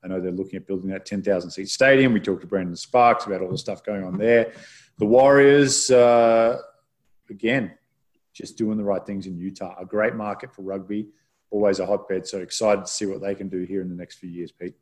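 A man hosting a casual news roundup, relaxed and rambling, with frequent restarts and fillers. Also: low-pitched, brisk. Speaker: podcast host.

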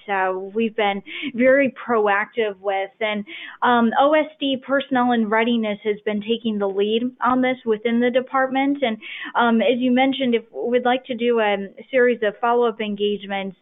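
Woman's voice over a tinny phone line. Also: a little high. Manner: measured, with frequent ums and uhs. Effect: heard over a phone line. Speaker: defense official on a panel. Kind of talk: panel discussion answer.

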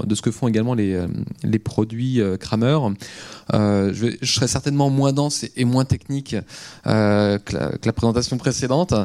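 A man opening a conference presentation about his company, speaking in a measured way with frequent restarts and fillers. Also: fairly low pitch, dark tone.

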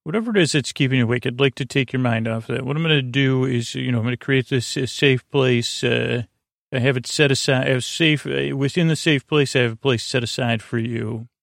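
In a clean studio with no room sound, this sleep-podcast host speaks at medium pitch with vocal fry and a fairly bright tone. He meanders calmly, stopping to correct himself and wandering off on tangents in a soft, lulling way.

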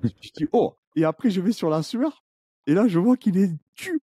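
A man, a YouTuber guest on a podcast, telling stories in an animated, chatty way with many restarts. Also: sits high, moderate pace, slightly rough, dry recording, clean studio sound. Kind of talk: casual podcast chat.

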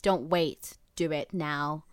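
A woman's voice: deep voice, slow, clean tone, dry recording, studio quality. A young woman, co-hosting a casual chat podcast and often talking over her co-host. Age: young adult. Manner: chatty, animated, talks over her co-host.

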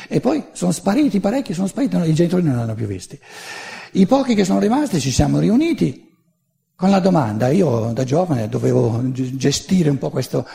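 An older man giving an animated public lecture, full of digressions and restarts. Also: mid-range voice, creaky.

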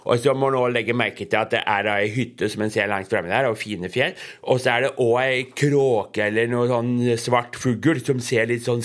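A man's voice: mid-range voice, fairly bright tone. A young adult man who hosts a podcast, casually reading a comic book aloud and rambling hesitantly as he describes each panel. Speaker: podcast host.

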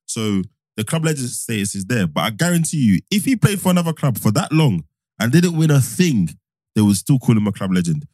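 A man in a casual football debate, pushing his argument hard with a voice that swings up and down in pitch. He sounds close to the mic, with a dry room and no echo. He talks at a middling pitch for a man. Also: big pitch swings, brisk. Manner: argumentative, provocative, laughs loudly. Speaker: podcast co-host.

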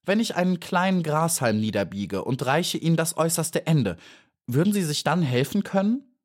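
A kind, eager little bee girl speaks up in a high, bright, earnest voice, as a male narrator puts her on. She sounds like a storybook heroine, anxious to help. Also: expressive, moderate pace. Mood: urgent.

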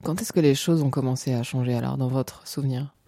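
A woman hosting a podcast, reading a measured scripted intro and asking interview questions. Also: a bass voice, steady tone, warm tone, dry recording, studio quality. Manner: clear, measured, announcer-like delivery.

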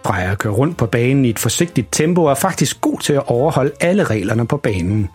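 A man narrating a children's story in a lively, expressive reading voice. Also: medium pitch. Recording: music bed behind.

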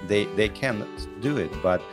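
A man from Russia who speaks. He answers interview questions in halting English, with many restarts. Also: fairly low pitch, music in the background. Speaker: guest, business founder.

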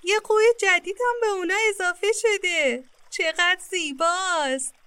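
A woman voicing excited small children in a storybook, calling out eagerly. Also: very high voice, no echo, recorded from a distance, voice pushed up.

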